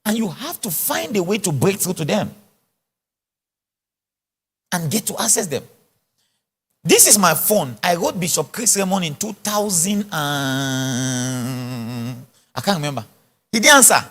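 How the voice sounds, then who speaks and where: A man preaching at a conference, answering questions and telling stories in an animated way. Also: high-pitched, unhurried, long pauses, slightly rough. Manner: animated, storytelling, laughs often. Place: church conference hall. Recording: large echoey hall.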